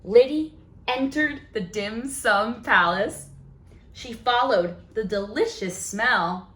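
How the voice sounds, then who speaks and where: Reading a picture book to young children, a library storytime host uses a slightly high, a bit bright voice at a slow pace. She performs it expressively, with questions and wondering exclamations.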